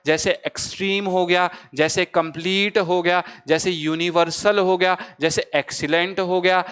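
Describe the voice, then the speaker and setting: A man with a high, smooth, resonant voice teaches an exam-prep grammar lesson. He asks a question, answers it himself and repeats it, in a lively, teasing way. He often calls his listeners brother and friends. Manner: lively, teasing, lightly humorous.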